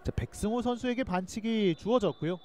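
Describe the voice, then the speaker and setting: A man giving live play-by-play football commentary, excitable and shouting out chances. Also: sits high, fairly quick, a little hiss or hum.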